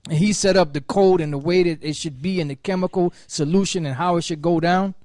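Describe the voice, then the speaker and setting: A man reading a Bible passage aloud and scolding his critics, pausing often with fillers. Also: sits high, steady tone, darkish tone, no echo, studio quality. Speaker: speaker in a religious open forum. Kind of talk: reading scripture with commentary.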